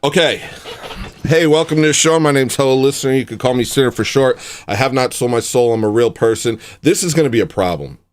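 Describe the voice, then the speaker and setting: A young man with a medium-pitched, brisk voice hosts a casual livestream from his home setup. He rambles, and his humor is sarcastic and self-deprecating.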